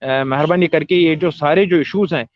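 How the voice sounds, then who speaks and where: A man's voice: on the high side, normal speed. A man speaking for protesting employees over a glitchy call line that keeps cutting out, hesitant and full of filler sounds. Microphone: phone or video call. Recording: dry, muffled call audio.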